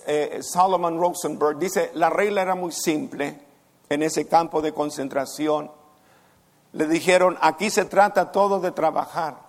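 A man preaching a heartfelt sermon at a church service, pausing often and addressing listeners as brother. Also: high voice. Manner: slow, heartfelt preaching with long pauses, calls listeners brother. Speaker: pastor.

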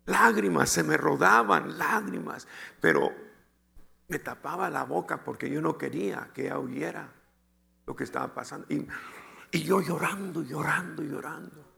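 A man preaching an emotional testimony sermon, swinging between loud outbursts and hushed near-whispers and often calling his listeners brother. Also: on the high side, normal speed, creaky. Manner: keeps addressing listeners as brother.

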